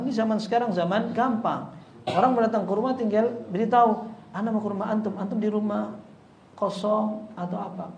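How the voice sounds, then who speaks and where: A man teaching an Islamic study lecture in a relaxed way, with light humor and lively acted-out quotes. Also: high-pitched, dull audio, slight background noise. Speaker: religious teacher. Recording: roomy echo, faint ambience.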